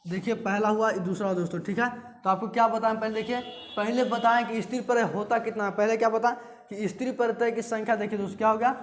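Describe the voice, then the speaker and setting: A man with a high-pitched, steady voice lectures quickly to a class, repeating terms often and posing questions he then answers himself. The room is echoey, with a faint hiss in the background.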